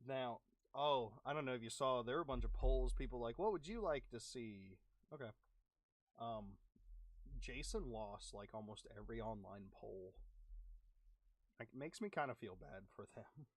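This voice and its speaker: A man's voice: mid-range voice, expressive, dry recording, clean studio sound. Chatty young man with a worn voice. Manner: chatty, reacts to play with quick exclamations. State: losing his voice, clearing his throat. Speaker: gaming streamer. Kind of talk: casual gameplay commentary.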